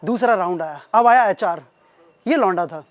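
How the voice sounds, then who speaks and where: A man's voice: sits high, moderate pace, no echo. Young man from doing stand-up. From Uttar Pradesh, India. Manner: animated, self-mocking anecdote telling. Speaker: stand-up comedian. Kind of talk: stand-up storytelling.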